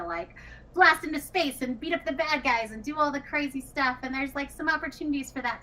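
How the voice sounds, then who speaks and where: Speaking with a slightly high, bright and forceful voice, a game writer and director talks in a relaxed, thoughtful, sincere way during casual developer chat. Noise is clearly audible behind her.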